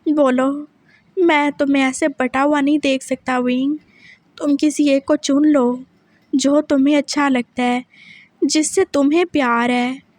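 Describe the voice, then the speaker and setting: A woman's voice: high-pitched, little pitch movement, measured pace, darkish tone, no room sound. A woman reading a story aloud, voicing a young husband who pushes hard with repeated questions. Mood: pleading. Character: intense possessive young husband, man.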